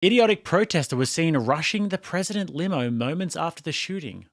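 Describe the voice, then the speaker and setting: A man's voice: a little high, lively intonation, fairly quick. Blunt Australian man mocking news clips. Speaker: commentary channel host. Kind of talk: casual reaction commentary.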